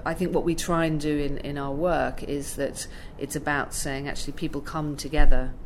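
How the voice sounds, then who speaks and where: A middle-aged arts curator, appearing as a guest in a thoughtful conversational interview, talks earnestly but hesitantly, often restarting her sentences as she thinks. Her voice sits low, her delivery is flat, and her pace is moderate, with faint background noise in the recording.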